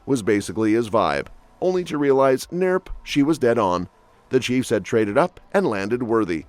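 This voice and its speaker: A man's voice: medium pitch, very animated, moderate pace, dry recording. A man reading scripted entertainment gossip narration with a snarky, quip-heavy delivery. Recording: dry voice-over with soft music bed.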